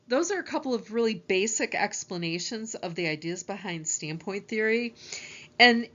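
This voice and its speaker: A woman's voice: medium pitch, animated, moderate pace, pushed and bright, lo-fi sound. A woman college lecturer, explaining course ideas over slides in a conversational teaching tone.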